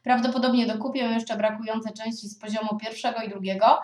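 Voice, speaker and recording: Woman in her thirties, parent reviewer, measured and thoughtful with frequent pauses; slightly raised pitch. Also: level tone, darkish tone. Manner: thoughtful, hesitant, with frequent drawn-out filler sounds. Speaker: parent reviewing children's books. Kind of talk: spoken book review. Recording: echoey room.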